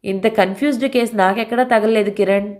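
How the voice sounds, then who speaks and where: A woman's voice: medium pitch, steady tone, brisk, voice pushed up, lightly acted. Brief: woman reading a tired, blunt middle-aged cop, matter-of-fact. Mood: weary. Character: middle-aged male police officer, weary and blunt.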